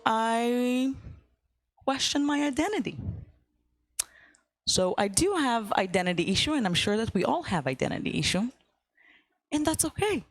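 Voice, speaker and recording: A woman's voice: fairly high pitch, no echo. A young woman from Ukraine, giving a casual guest talk to a church class with lots of fillers and upbeat asides. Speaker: guest speaker.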